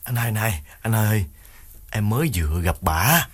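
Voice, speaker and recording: A man's voice: lowish voice, animated, normal speed, husky. Man doing a terrified whimpering young thief. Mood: scared, pleading. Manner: pleading, repeats "anh hai" over and over.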